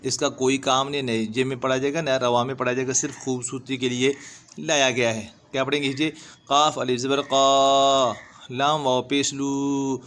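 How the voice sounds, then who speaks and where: A man teaching Quran reading, spelling each letter and vowel sign, then drawing out the syllables in a slow, patient lesson. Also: mid-range voice, little pitch movement, a bit bright, a little hiss or hum. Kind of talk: step-by-step recitation lesson. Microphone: voice-over over screen recording.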